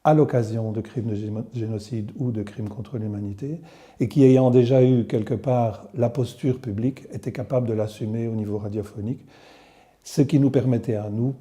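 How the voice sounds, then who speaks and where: Measured man, very dark relaxed tone, explanatory interview. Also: mid-range voice. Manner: measured, slow, with self-corrections. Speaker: project organizer.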